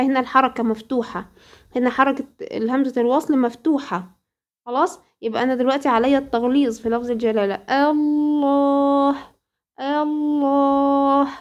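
A woman with an Egyptian accent teaching Quran recitation rules to girls, drawing out example words slowly and asking questions she then answers. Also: high-pitched. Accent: Egyptian Arabic. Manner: drills words in slow drawn-out recitation, asks rhetorical questions. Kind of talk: tajweed lesson to girls.

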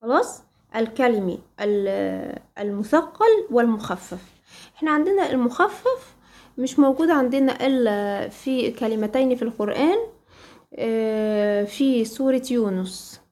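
A woman's voice: on the high side, lively intonation, moderate pace, a little mellow. A woman with an Egyptian accent teaching a tajweed lesson, quizzing her listeners with prompt questions and repeating key terms. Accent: Egyptian Arabic. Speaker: Quran recitation teacher.

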